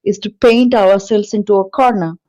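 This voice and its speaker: A woman's voice: medium pitch, steady tone, moderate pace, no room sound. A woman hosting an interview, reacting often with small affirmations. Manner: warmly reactive, frequent small affirmations and laughs. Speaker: host.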